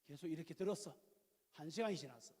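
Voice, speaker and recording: A male pastor in his fifties preaching a sermon, telling stories in a lively, colloquial way with questions to the congregation. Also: on the high side, quick pace, husky. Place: church sanctuary. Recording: reverberant church hall.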